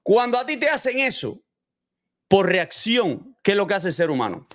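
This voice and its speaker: A man's voice: high-pitched, sing-song, moderate pace. A man hosting a casual true-crime commentary, explaining with gestures and asking his viewers rhetorical questions. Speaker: host commenting on a criminal case.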